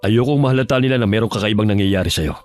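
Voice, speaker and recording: Protective hacienda husband, firm and steady , played by a man; audio horror drama. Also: fairly low pitch, very fast, close to an everyday voice. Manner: firm, then pleading and shouting. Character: worried landowner husband, patient and protective.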